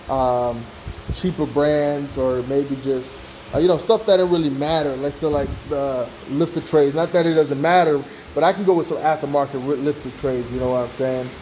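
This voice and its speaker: A man's voice: medium pitch, dark tone, rough recording. American man, casual vlog, fan noise behind. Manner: informal, repeats "you know what I'm saying". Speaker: car-build channel host. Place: hot car workshop with fan running.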